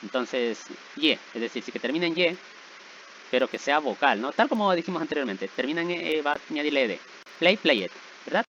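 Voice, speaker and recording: A man's voice: fairly high pitch, very animated, a little fast, sharp tone. A man explains grammar rules patiently in a mid-range voice, checking in with his listeners after each step. The recording sounds a little dull, with a faint hiss underneath. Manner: patient, repeats checks like "¿verdad?" and "¿sí?". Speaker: English teacher.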